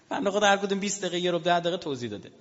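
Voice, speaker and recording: Emphatic male preacher in an echoing hall. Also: sits high. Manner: lively, emphatic, asks the audience questions. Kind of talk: sermon with storytelling. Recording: dull lo-fi recording with long hall reverb.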